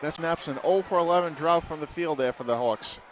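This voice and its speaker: A man's voice: a little high, a little fast, a crowd in the background, noisy background. A man giving color commentary on a basketball game in a conversational tone, with hesitant fillers. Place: high school basketball arena.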